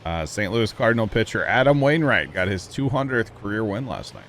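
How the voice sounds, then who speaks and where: A man with a lowish voice talks briskly into a headset mic on his livestream, playing a farming game and casually greeting his chat. He's relaxed and chatty, with slight background noise.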